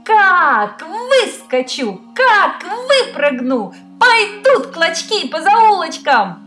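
A shrill, sly storybook fox, voiced by a woman, hurls boastful threats in a high, ringing voice. She sounds bossy and spiteful. Soft music plays underneath. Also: sing-song, drawn-out words, exaggerated voice. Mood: menacing, boastful.

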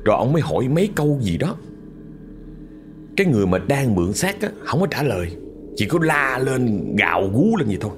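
A man's voice: mid-range voice, very animated, brisk, background noise. A man telling a ghost story in a vivid, conversational way, often repeating words for effect.

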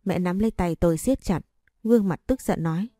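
A woman narrating a sad first-person story in a steady, sorrowful way. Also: mid-range voice, fairly quick, dry recording, clean studio sound.

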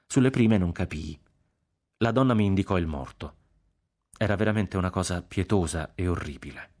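Man reading a novel on the radio, very deep low voice, grave and unhurried. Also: lively intonation, a little mellow. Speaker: audiobook reader on a radio program. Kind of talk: literary reading aloud.

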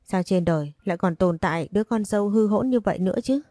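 A woman's voice: mid-range voice, fast, dark tone, no room sound, clean studio sound, natural voice. A woman voicing a spiteful young sister-in-law who accuses with whiny, mock-tearful complaints, in a storybook reading. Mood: accusing.

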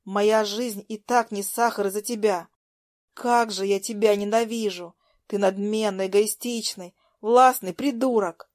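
A woman's voice: on the high side, unhurried, a little mellow, no echo, clean studio sound, natural voice. A woman voicing a defiant young woman who snaps back angrily in a raised voice. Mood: angry. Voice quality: raised, snapping voice.

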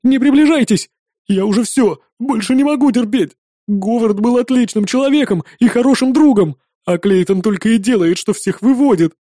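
A man voicing a hysterical, desperate young male employee in an audiobook, with loud, ranting, sobbing outbursts. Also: extremely high pitch, normal speed, dry recording, studio quality, voice pushed up.

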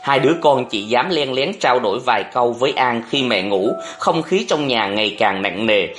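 A male audiobook narrator reads a novel with expressive storytelling. His pitch rises and falls freely, and soft music plays faintly behind him. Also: normal speed.

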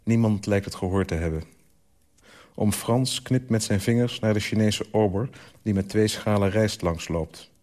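Low-voiced man reading a story. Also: normal speed, a little mellow. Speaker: author reading his own story. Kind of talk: literary story reading for radio.

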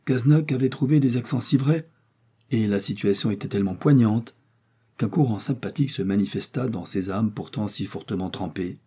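Male audiobook narrator, low voice, husky, mellow tone, measured reading. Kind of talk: audiobook reading of a literary story.

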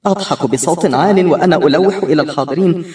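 A man's voice: a little high, racing. Man narrating an audiobook dramatically. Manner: expressive, tense first-person narration. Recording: roomy, distant-miked recording.

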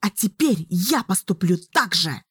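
A woman voicing a grief-stricken, furious young sorceress who screams shrill accusations in an audiobook. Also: big pitch swings, measured pace, a bit bright, husky, dry recording, exaggerated voice. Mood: cold hatred. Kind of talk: audiobook character voice.

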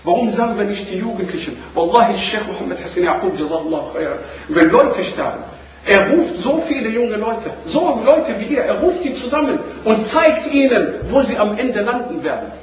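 A man preaching a sermon to a seated audience, moving between loud questions and low, quiet lines and quoting Arabic verses. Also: sing-song, normal speed, slight background noise. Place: room with an audience. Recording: echoey room recording from far off.

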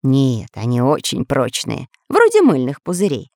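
A woman voicing an old male professor who explains things calmly and reassuringly. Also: very deep voice, a little slow, dry recording, studio quality, pitched below the performer's own voice, heavily acted. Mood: calm explaining. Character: calm, wise old male professor scientist.

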